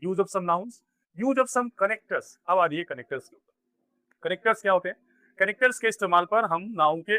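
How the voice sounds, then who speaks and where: A man's voice: high-pitched, sharp tone, no room sound. A man teaching a grammar lesson, explaining step by step and asking and answering his own questions. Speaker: English teacher. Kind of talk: classroom grammar lesson in Hindi.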